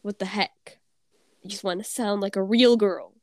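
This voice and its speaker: A woman's voice: mid-range voice, steady tone, normal speed, darkish tone, no echo, clean studio sound. A teenage girl with a congested cold voice, chatting and giggling as a podcast co-host. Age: teens. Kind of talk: casual chat.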